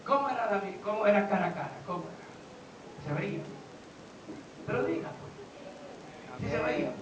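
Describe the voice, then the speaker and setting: A male pastor preaching a sermon. He questions his congregation and swings from low talk to shouting. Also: sing-song, normal speed. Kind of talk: Pentecostal-style sermon. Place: church hall. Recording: roomy, distant, dull and noisy church recording.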